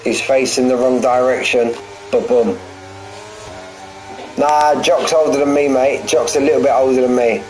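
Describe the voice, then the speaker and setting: Slight background noise and a rough recording surround a man in his forties with a medium-pitched, steady, slightly mellow voice who speaks unhurriedly with long pauses. He's a sim racing commentator and streamer, calling a race live, joking around, repeating phrases, and chatting with viewers between the action.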